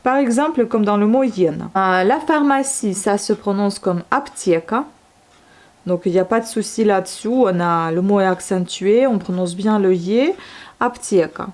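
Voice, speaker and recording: A woman's voice: medium pitch, moderate pace. A woman who is a native Russian speaker explains the Russian alphabet in a casual lesson, with many fillers and restarts. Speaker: Russian language teacher.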